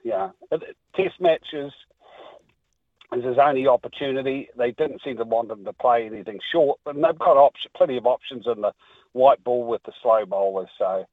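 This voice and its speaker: A man's voice: mid-range voice, animated, normal speed, no echo. A man with a New Zealand accent calling in to a talkback radio show over the phone and chatting in a rambling way. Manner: rambling, with restarts. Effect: heard over the phone. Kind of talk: casual phone-in chat. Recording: dry tinny phone line.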